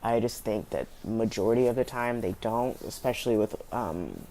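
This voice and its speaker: A man answering interview questions in a hesitant, thoughtful way, with frequent pauses and fillers. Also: lowish voice, mellow, a little hiss or hum.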